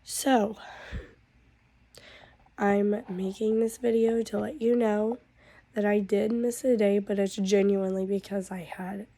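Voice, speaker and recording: A woman vlogger with a hoarse, worn-out voice from a cold, talking in a weary, drawn-out way. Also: medium pitch, flat delivery, mellow, dry recording. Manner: drawn-out, weary talk with a cough. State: hoarse from losing her voice; stuffed up with a cold. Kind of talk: casual vlog update.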